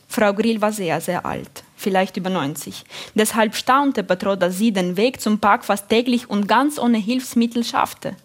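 A woman narrating a literary story in a calm, measured reading. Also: fairly high pitch. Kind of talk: audiobook reading.

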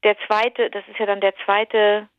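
A woman's voice: medium pitch, flat delivery, unhurried, no echo, narrow, tinny audio. A woman co-hosting a casual chat, rambling and restarting her sentences as she tells a story. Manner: chatty, rambling, many restarts. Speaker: podcast co-host. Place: remote, talking over a call.

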